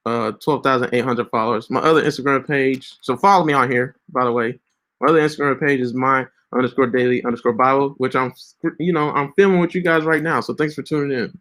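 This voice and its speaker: His medium-pitched, fairly bright voice carries casual yet preachy social media advice from a man in his late twenties. He keeps restarting and filling gaps with filler words, and the setup is a screen-share recording.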